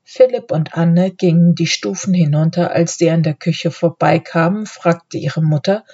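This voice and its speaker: Woman narrator, children's audiobook, husky, lower voice, muffled lo-fi sound. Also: a little slow, mellow.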